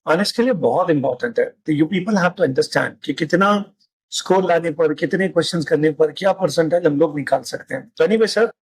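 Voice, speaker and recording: A man's voice: fairly high pitch, moderate pace, husky. A man hosting a casual panel discussion, talking straight to students and mixing in English phrases. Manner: mixes Hindi with English phrases, addresses students directly. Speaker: host.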